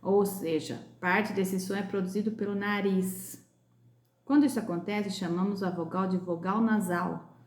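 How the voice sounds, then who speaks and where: Woman teacher, slow deliberate pace, drawn-out sounding of words, roomy echo. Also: mid-range voice, fairly even intonation. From Brazil. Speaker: primary school teacher. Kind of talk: recorded class lesson correction.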